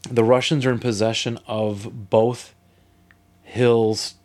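A man co-hosting a podcast with a middle-pitched voice. He recaps a board game in an animated, story-like way, chatting casually with his co-host. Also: slow. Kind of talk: casual chat.

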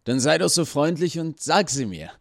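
A man's voice: fairly high pitch, sing-song, moderate pace, vocal fry, dry recording, studio quality, pitched above the performer's own voice. A man voicing a nervous masked male gatekeeper who stammers and pleads. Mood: flustered.

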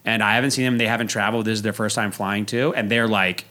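A man's voice: lowish voice, fairly even intonation, fast talker, pushed and bright. An American man hosting a podcast in a casual, bantering chat style. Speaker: podcast host.

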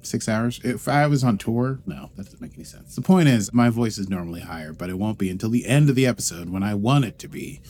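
A podcast co-host chatting casually and animatedly, speaking in a low morning voice. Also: quick pace, hardly any pauses, a little hiss or hum. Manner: animated, lively, self-joking. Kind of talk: casual chat.

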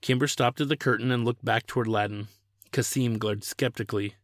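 A man, the author, reading his own novel aloud in a steady, measured way. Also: medium pitch, dry recording, studio quality. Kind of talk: audiobook narration.

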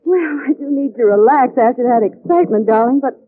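A woman's voice: high-pitched, expressive, fairly quick, loud music behind the voice. A woman playing a detective's devoted, inquisitive lady companion in a 1940s radio drama. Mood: curious, relieved. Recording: tinny old radio recording.

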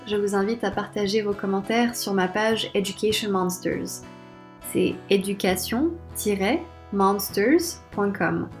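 A woman reads the closing announcement of her podcast in an upbeat, inviting tone. Soft guitar music plays faintly underneath her voice. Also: medium pitch. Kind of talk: scripted outro announcement.

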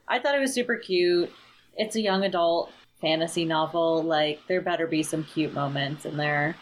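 Chatty low-voiced woman discussing a book. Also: normal speed, slight background noise. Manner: chatty, enthusiastic, says "like" often. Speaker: book club podcast co-host.

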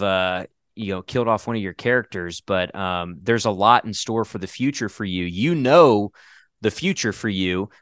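Low-voiced man hosting a podcast, rambling. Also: a bit bright, clean tone, no echo, studio quality. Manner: rambling, lots of fillers and restarts. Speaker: podcast host and writer. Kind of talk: casual chat.

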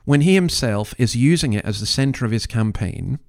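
A man's voice: medium pitch, animated, a little fast, a little mellow. A man hosting an opinionated commentary, speaking in an earnest, emphatic, moralising way with rhetorical questions. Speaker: commentary podcast host.

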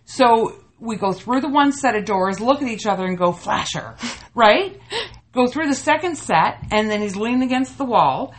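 A middle-aged woman from Canada tells stories in casual podcast chat, her fairly high voice rising and falling widely. She talks with animated energy, laughing through the funny parts. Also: moderate pace. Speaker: podcast co-host.

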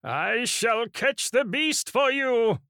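A woman's voice: fairly high pitch, expressive, takes it slowly, a bit bright, clear, resonant tone, no echo, clean studio sound, heavily acted. A woman voicing a pompous male vampire hunter who speaks in grand, old-fashioned formal phrases. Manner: pompous, archaic formal speech.

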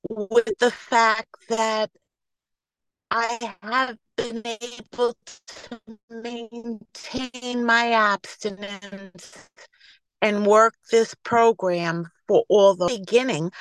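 A woman in her seventies with a New York accent, sharing her personal story slowly on a video call, with restarts. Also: medium pitch, no echo, low-quality recording. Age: 70s. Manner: slow, warm-hearted, halting with restarts.

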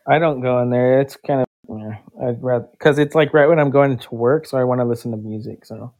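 A man talking casually with someone he has just met, at an ordinary pitch. He rambles, circles back and leans on filler words, keeping things loose and unpolished. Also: brisk, a little mellow, low-quality recording. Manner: rambling, filler-heavy, uses "like" a lot. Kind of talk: casual chat.

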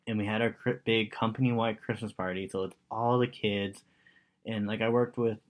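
Deep-voiced man telling animated stories. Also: moderate pace. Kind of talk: casual storytelling.

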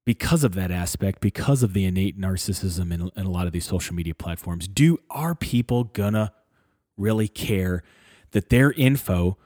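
A man's voice: low voice, a little mellow, no room sound, studio quality. A man in a casual discussion who thinks aloud, restarting and correcting himself as he goes.

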